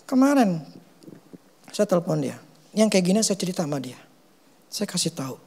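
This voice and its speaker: A middle-aged man with an Indonesian accent, a pastor preaching a sermon, telling stories with loud and hushed stretches. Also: sits high, normal speed, creaky, husky. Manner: animated storytelling, swings from loud to hushed.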